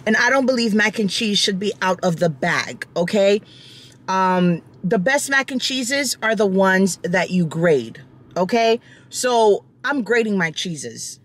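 A pregnant woman vlogging casually on her phone camera, animated and exasperated, sometimes rising to shrieks. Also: mid-range voice, measured pace. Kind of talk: casual vlog chat.

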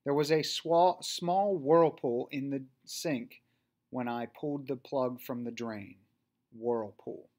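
A man reading out a spelling test as a teacher, deliberately announcing single words and example sentences. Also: mid-range voice, steady tone, darkish tone.

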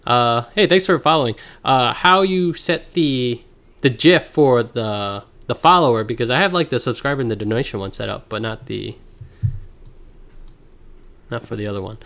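A man streaming a card game, chatting casually with viewers and thinking out loud as he plays, heard through livestream headset audio. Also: mid-range voice, moderate pace. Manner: thinks aloud, reads card text, chats with viewers. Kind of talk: casual gameplay commentary. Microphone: livestream headset mic.

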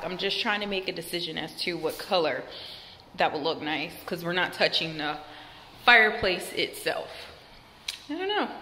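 A woman with a somewhat low voice talks through her house renovation in a relaxed, chatty way. She leans on fillers and loose asides as she narrates. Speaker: home renovation vlogger. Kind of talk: casual voice-over narration of a home renovation.

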